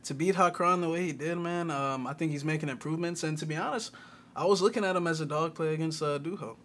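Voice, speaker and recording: Male co-host, slightly high voice, relaxed chatty delivery, faint rumble in the background. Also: quick pace. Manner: laid-back, lots of fillers like man and um. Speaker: podcast co-host. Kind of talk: casual sports betting talk.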